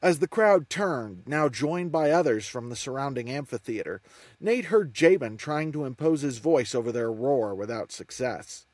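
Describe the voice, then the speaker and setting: A man reading an audiobook in a steady, measured storytelling style. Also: medium pitch, no echo. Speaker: audiobook narrator. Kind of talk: scripted narration.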